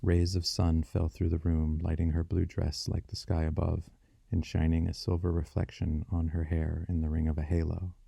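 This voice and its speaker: A man narrating a fiction audiobook in a measured, descriptive storytelling manner. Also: rumbling low, monotone, creaky, mellow, slightly rough, no echo.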